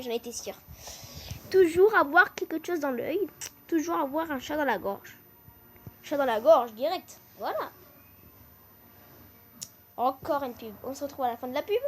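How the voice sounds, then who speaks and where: A woman hosting a gaming channel, reading would-you-rather choices aloud in a casual way and breaking into excited shouts, with a teasing catchphrase she keeps repeating. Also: high voice, measured pace, long pauses, a little hiss or hum.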